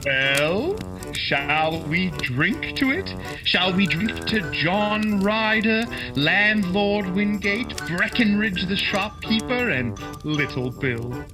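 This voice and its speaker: A man playing earnest Doctor Watson, slow and animated. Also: sits high, music in the background, poor audio. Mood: festive, fond. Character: earnest, kindly doctor, the detective's loyal male companion. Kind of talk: holiday radio play acting.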